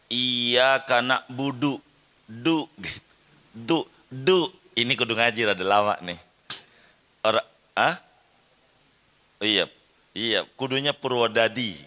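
A man's voice: mid-range voice, pushed and bright. A middle-aged man teaching a religious study lecture, repeating words and drilling Arabic pronunciation for his listeners. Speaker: Islamic teacher.

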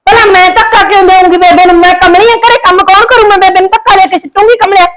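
A woman's voice: very high voice, fairly even intonation, fast talker. A young woman playing a daughter-in-law who scolds her husband with indignant retorts. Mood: indignant, scolding. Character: sharp-tongued young wife defending herself.

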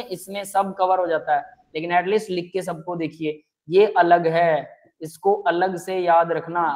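A man's voice: high-pitched, a little mellow. Male chemistry teacher, live online lecture, step-by-step explaining, checks in with students often. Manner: explains step by step, keeps asking students if it is clear; addresses students as beta and bhai.

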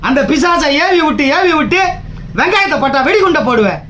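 A man's voice: very high voice, animated, fairly quick, pushed and bright. A man from Tamil Nadu, a trade union leader, giving an angry political speech, combative and taunting, firing rhetorical questions.

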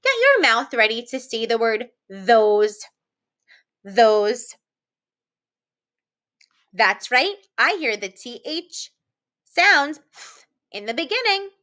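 Teaching little kids to read, this woman keeps her pace slow and her tone encouraging. Her pitch sits a little high, and she punctuates the lesson with excited, playful gasps.

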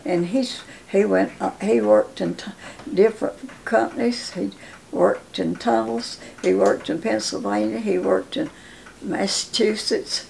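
Very creaky woman in her nineties, Appalachian accent. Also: mid-range voice, fairly even intonation, a little mellow, poor audio. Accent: Southern Appalachian. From Appalachia, southern United States. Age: 90s. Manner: halting, folksy storytelling with repeated words. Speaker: interviewee telling life story. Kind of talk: casual reminiscing. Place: home living room, indoors. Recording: faint background room noise.

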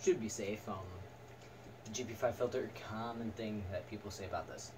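A young man giving a casual, halting, unscripted product review in short fragments. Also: lowish voice, fairly even intonation. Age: teens to young adult. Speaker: video reviewer. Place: small attic room indoors. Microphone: camera a few metres away. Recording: distant camera mic, noisy room.

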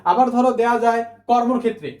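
A teacher works through spelling rules for exam students, repeating each point and answering their own questions. The voice sits at a middling pitch and rings in an echoey room. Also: flat delivery, racing, darkish tone. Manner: mixes English words into the talk. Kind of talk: admission exam spelling lesson.

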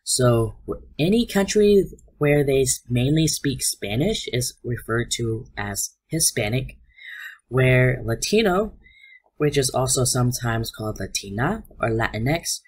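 Narrating over his slides, a man leads an online art class for his students. His voice is mid-range and husky, and his explanations come across upbeat.

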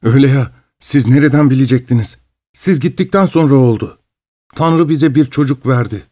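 A man voicing an excitable, fawning middle-aged husband who talks with ingratiating emotion, in an audiobook. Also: medium pitch, moderate pace, voice pushed up, natural voice. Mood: excited, fawning.

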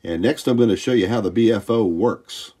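The background is noisy as an American man with a fairly low voice, speaking a little fast, runs an informal hands-on electronics tutorial at his home workbench indoors. He goes step by step, plain-spoken and folksy.

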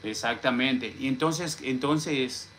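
A Mexican man rants on a casual live stream, boasting about himself and dropping "hombre" into nearly every sentence. His voice sits at an ordinary middle pitch, and he stops to greet viewers from the chat. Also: slow pace, fairly bright tone, slight background noise. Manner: boastful, repeats "hombre" constantly.

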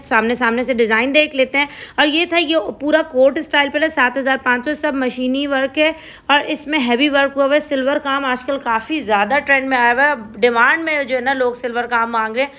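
A woman with a Karachi Urdu accent narrates a market shopping tour, her voice high-pitched and bright. She talks in a chatty, eager way, reeling off prices as she goes. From Pakistan. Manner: chatty, enthusiastic, listing prices. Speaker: shopping vlogger.

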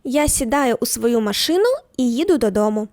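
A woman with a high, animated voice gives a scripted language lesson. She speaks in clear, measured steps and slows down for each example. The sound is dry and close, with no room around it. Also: no room sound. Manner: clear, measured teaching delivery, slowing for example phrases. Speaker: German teacher.

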